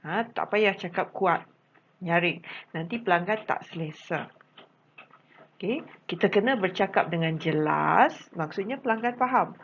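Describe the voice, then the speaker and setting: A woman's voice: lowish voice, measured pace, pauses often, highs cut off, a little hiss or hum. A woman teacher speaking Malaysian Malay, giving a patient recorded lesson to special education students, repeating her points with frequent fillers.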